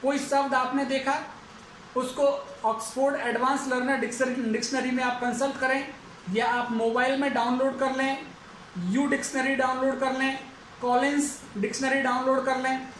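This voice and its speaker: A male English lecturer giving a phonetics lesson for exam students, who repeats each example word slowly several times. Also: very high-pitched, little pitch movement, a bit bright. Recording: echoey room, faint background noise.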